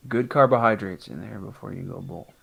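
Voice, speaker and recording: A man's voice: on the low side, fairly quick, vocal fry, fairly bright tone, breathy edge, no room sound. A man co-hosting a casual chat, making dry, teasing remarks.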